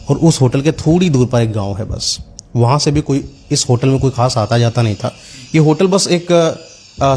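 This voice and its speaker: A man's voice: mid-range voice, warm tone. A man narrating a horror story in a loose, conversational way, with frequent fillers.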